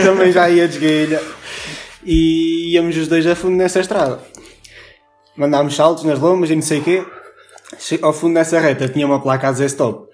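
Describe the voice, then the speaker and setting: A young man with a European Portuguese accent tells a rowdy story on a casual podcast. His voice sits a little high for a man, and he laughs and swears as he talks. Faint music runs underneath. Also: fairly even intonation, moderate pace, pauses often. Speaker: podcast co-host.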